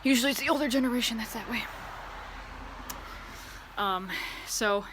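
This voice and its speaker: A woman chatting casually to camera in a rambling, easily distracted way, outdoors beside a loud street. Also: on the high side, normal speed. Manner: easily distracted, drifting between asides. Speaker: vlogger. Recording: outdoor traffic and ambient noise. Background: passing vehicles and outdoor ambience.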